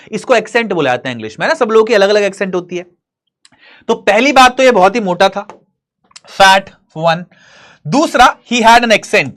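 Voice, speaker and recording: A man teaching an English story to students, reading lines slowly and explaining them in Hinglish. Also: high voice, a bit bright. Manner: addresses students directly, asking and answering his own questions.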